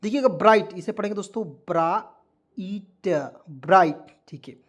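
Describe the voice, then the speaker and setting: Man slowly spelling out English words. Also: high-pitched. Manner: spells words letter by letter and repeats them often; keeps asking questions of the viewers. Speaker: English teacher. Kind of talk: spelling-out vocabulary lesson.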